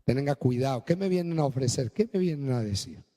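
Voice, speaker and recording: A man preaching a sermon as pastor, swinging between low, slow stretches and high, emphatic bursts. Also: animated, mellow, big-room sound.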